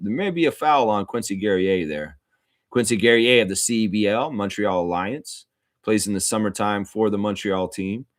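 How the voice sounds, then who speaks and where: Casual basketball play-by-play comes from a livestream host, a man with a lowish, fairly bright voice. He talks like a fan, conversationally, rambling a little and repeating himself. The recording is clean studio sound with no room sound.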